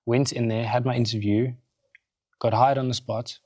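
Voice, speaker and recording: A South African man, a podcast guest and coffee roaster founder, telling his story in casual, animated chat in a studio. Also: medium pitch, moderate pace, no echo. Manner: animated, acts out quotes in other voices.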